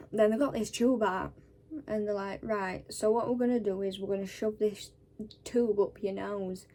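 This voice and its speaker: Slow-talking Northern English woman, sore after wisdom-tooth surgery. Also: mid-range voice, warm tone. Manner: sweary, blunt. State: sore scratchy throat and worn out after wisdom tooth removal, clearing throat. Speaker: vlogger. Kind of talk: casual personal storytelling to camera.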